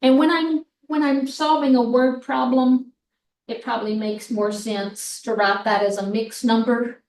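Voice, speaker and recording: A woman math instructor with a hoarse voice, explaining a problem slowly step by step in a recorded lecture. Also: on the high side, steady tone, darkish tone. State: hoarse, clearing throat. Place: classroom. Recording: echoey room, mic far off.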